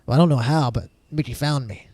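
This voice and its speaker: A man's voice: medium pitch, fast, mellow, no room sound. A man narrating as dungeon master, rambling with fillers and restarts. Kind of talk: narrating a tabletop game.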